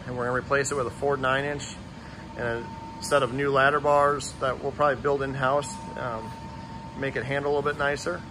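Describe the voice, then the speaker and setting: Shop owner, male, mid-pitched, unpolished narration full of fillers, recorded on a phone over a loud steady shop hum. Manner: plain, halting, many fillers. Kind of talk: casual shop walkthrough narration. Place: large metal fabrication shop.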